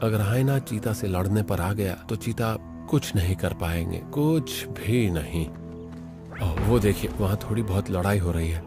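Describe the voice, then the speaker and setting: A man narrating a wildlife documentary in a dubbed voice-over, excitedly commenting on animals as they chase and fight. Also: on the low side, moderate pace, hardly any pauses. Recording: with loud background music.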